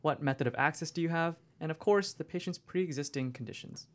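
A man's voice: on the high side, a little fast. A man co-hosting a medical podcast, explaining scripted educational material to peers in a corporate training video manner.

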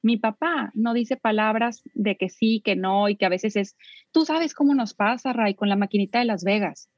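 A woman's voice: medium pitch, normal speed, no room sound, dull audio. A woman, a parenting expert speaking as a guest, who animatedly acts out talks between parents and children. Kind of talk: guest in a casual interview.

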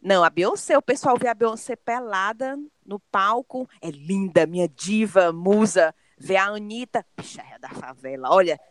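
Lively emphatic woman. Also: mid-range voice, normal speed, hardly any pauses, no room sound. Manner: animated, emphatic storyteller who acts out dialogue. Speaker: podcast panelist. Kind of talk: casual chat.

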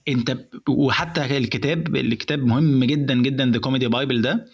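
A young man with an Egyptian accent, explaining in casual chat how to build a stand-up joke, animated and mixing in English words. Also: medium pitch, brisk, husky. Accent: Egyptian Arabic.

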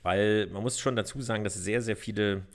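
A man with a deep, low voice co-hosting a podcast, chatting casually and explaining in a calm, hesitant way. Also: brisk. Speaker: podcast co-host.

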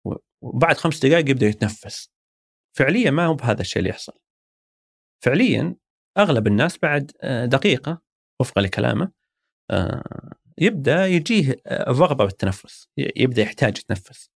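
A man's voice: mid-range voice, big pitch swings, fast talker, vocal fry, long pauses, no echo, studio quality. A man with a Saudi accent, a guest in an interview, talking thoughtfully and explaining ideas through everyday examples. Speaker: interview guest, former marketing executive. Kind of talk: reflective conversational interview.

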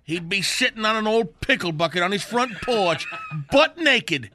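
A man's voice: high-pitched, animated, normal speed, bright, forceful tone, a little hiss or hum. A man playing a grumbling, cantankerous old man in a rambling, folksy comic radio monologue about the old days. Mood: gleefully ranting. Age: older. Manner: crotchety, rambling, folksy mock-nostalgic storytelling.

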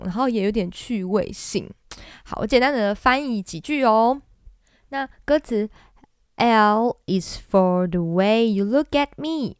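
Woman, casual singing lesson, playful, clear voice, dry close mic. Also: fairly high pitch, dry recording. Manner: playful, chatty, often laughs and demonstrates. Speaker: podcast host teaching singing.

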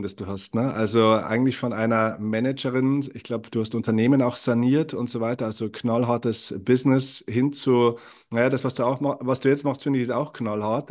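A man's voice: mid-range voice, a little mellow. A man hosting a podcast interview, asking questions hesitantly and repeating words as he goes. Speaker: podcast host.

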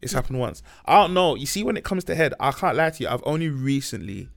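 A man's voice: medium pitch, big pitch swings, fast talker, vocal fry. A man with a London accent talking candidly and casually on a podcast, full of slang and repeated emphasis. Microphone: podcast microphone.

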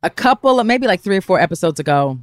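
Expressive podcast co-host woman saying y'all. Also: lowish voice, fast talker, no echo, studio quality. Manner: expressive, affirming, says "y'all". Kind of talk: casual chat.

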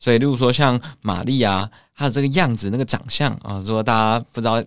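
A man's voice: mid-range voice, fast talker, smooth, no echo, studio quality. A man with a Taiwanese Mandarin accent co-hosting a bilingual English lesson, explaining words chattily and ribbing his co-host. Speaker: podcast co-host and English teacher.

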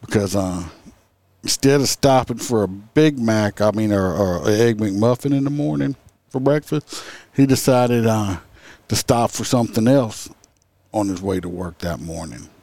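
A man's voice: fairly low pitch, normal speed, dark tone, no room sound. A man hosting a podcast, chatting casually and joking, laughing often and acting out quotes. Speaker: podcast host. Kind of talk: casual comedic chat.

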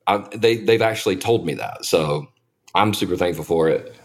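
A man with a thick, deep Southern US accent, talking and preaching off the cuff in a down-home, self-deprecating way. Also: moderate pace. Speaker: guest preacher and pastor. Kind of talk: casual chat and off-the-cuff preaching.

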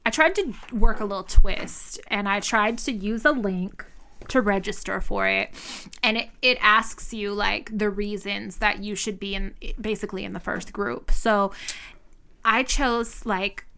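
A woman's voice: medium pitch, unhurried, pushed and bright. An American woman co-hosting a podcast in casual chat, informal and teasing, with easy swearing. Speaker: podcast co-host.

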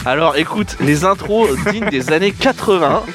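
A man's voice: a little high, animated, moderate pace, loud music behind the voice. A young man hosting a casual podcast, joking and laughing often as he introduces his co-hosts. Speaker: podcast host.

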